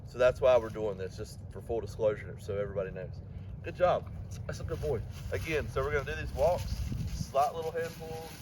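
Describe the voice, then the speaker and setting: A dog trainer works outdoors, explaining each step of a walk while giving his dog commands in a training demonstration. His mid-range voice is fairly even in intonation and a little fast, with background noise.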